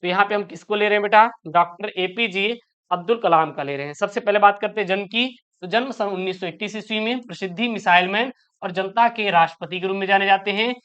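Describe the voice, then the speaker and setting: Smooth-voiced woman teacher calling students "beta". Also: mid-range voice, fairly quick, a bit bright, dull audio. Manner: calls listeners "beta", asks and answers own questions. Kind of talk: exam-prep lesson explaining poetry.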